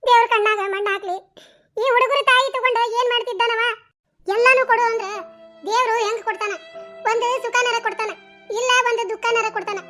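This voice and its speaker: A tender dying mother in a cartoon, who speaks softly and sorrowfully in a North Karnataka Kannada accent. Her voice is very high, with light music behind it. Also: fairly even intonation, brisk. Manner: sorrowful, soft.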